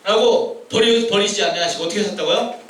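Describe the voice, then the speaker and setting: A high-pitched, bright male youth pastor preaches in a chatty, questioning way and slips into whiny complaining voices. He is heard from a distance in a very echoey church hall with faint background noise. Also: fairly quick. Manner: conversational, asks the students questions; acts out complaining voices, shifting loud and soft. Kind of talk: sermon. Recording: echoey room from far off.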